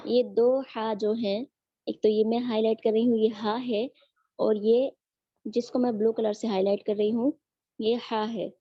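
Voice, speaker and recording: A woman teaching Quran recitation in an online lesson, drilling each sound slowly and patiently. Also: fairly high pitch, flat delivery, no room sound, dull audio.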